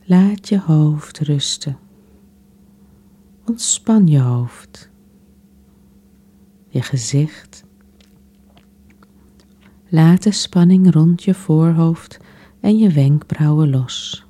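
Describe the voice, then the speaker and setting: A woman softly guiding a relaxation exercise in a soothing, unhurried way, with long pauses between phrases. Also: deep voice, breathy edge. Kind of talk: guided relaxation meditation.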